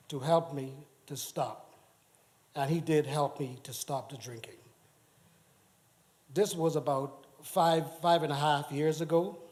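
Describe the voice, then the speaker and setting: A middle-aged man from the Bahamas giving a personal testimony in church, speaking haltingly with many restarts. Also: on the high side, a little mellow. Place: church sanctuary.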